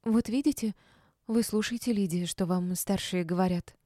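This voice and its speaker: A woman's voice: fairly low pitch, little pitch movement, normal speed, dark tone, no room sound, studio quality, natural voice. A woman reading an audiobook, voicing a fawning, gushing woman who chirps and wheedles. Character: fawning, gushing younger woman, sugary and pushy. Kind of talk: audiobook character voice.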